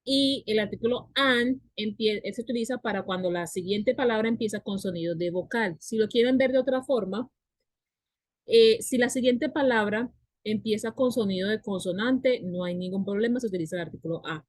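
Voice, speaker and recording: A woman's voice: medium pitch, moderate pace, dry recording. A woman whose first language is Spanish, teaching an English class and explaining grammar patiently, repeating and spelling out words.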